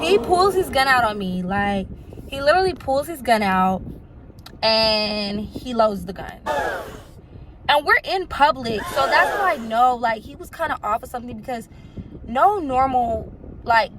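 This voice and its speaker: A young woman vlogger telling a storytime monologue in a chatty, animated way, talking straight to her viewers. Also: mid-range voice, slight background noise, rough recording.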